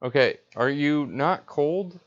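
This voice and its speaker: A man co-hosting a podcast, trading deadpan sarcastic jokes while watching a movie. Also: fairly high pitch, takes it slowly. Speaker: podcast co-host. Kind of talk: joking movie riff commentary. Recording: dull lo-fi sound.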